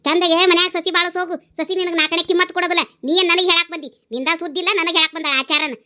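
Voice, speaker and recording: A woman's voice: steady tone, sharp tone. A woman voicing brash, foul-mouthed village women in a cartoon, hurling insults in a North Karnataka Kannada accent. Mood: scornful. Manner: shrill, scolding, rapid-fire insults. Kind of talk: cartoon voice acting.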